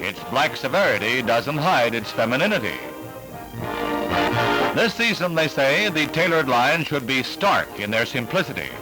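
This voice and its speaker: With music under his voice on an old soundtrack, an American announcer gives scripted 1960s newsreel narration, emphatic and formal. He speaks at a moderate pace in a sing-song, mid-range voice. The recording quality is low.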